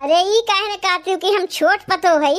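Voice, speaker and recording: A woman's voice: extremely high pitch, moderate pace, soft background music. A woman voicing quarrelsome young village daughters-in-law with an Awadhi accent, taunting and bickering.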